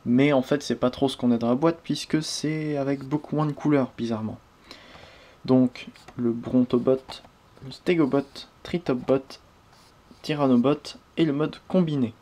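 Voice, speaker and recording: A man's voice: medium pitch, steady tone, moderate pace, warm tone. A man hosting a casual toy unboxing review, chatty and prone to small hesitations and self-corrections.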